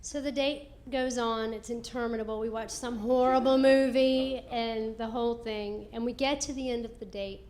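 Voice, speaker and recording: A woman doing stand-up comedy, telling a self-mocking story in an animated way on a comedy club stage. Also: on the high side, normal speed, few pauses, slight background noise. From American South.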